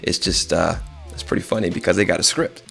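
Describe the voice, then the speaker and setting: Speaking straight to viewers, a real estate agent talks informally and conversationally, repeating phrases to drive points home. His low voice is brisk and husky, pushed and bright, with vocal fry.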